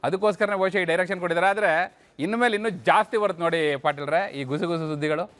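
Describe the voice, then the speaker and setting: High-pitched guy breaking down party politics on a news show, chatty and animated, keeps asking questions back. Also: fast talker. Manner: lively, storytelling delivery with rhetorical questions. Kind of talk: conversational news discussion.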